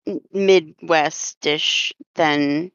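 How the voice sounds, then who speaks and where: A woman's voice: deep voice, steady tone, drawn-out words, a bit bright, clear, resonant tone, no echo. A woman from Florida with a slight Southern drawl, hosting a casual podcast chat, rambling with fillers and frequent laughter. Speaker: podcast host. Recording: dull lo-fi dry sound.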